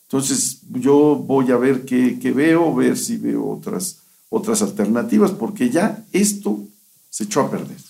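Middle-aged guy, gravelly voice, earnest testimony, acts out his old lines, mid pitch. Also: expressive, unhurried, warm tone. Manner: earnest storytelling, often re-enacting his own past words. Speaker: guest giving a testimony. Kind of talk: personal testimony in a radio interview.

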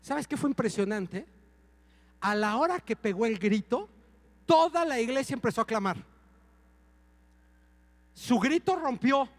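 A middle-aged man preaching a sermon, telling comic stories with sudden shouts. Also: very high-pitched, lively intonation, measured pace, pauses often, big-room sound. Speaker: pastor.

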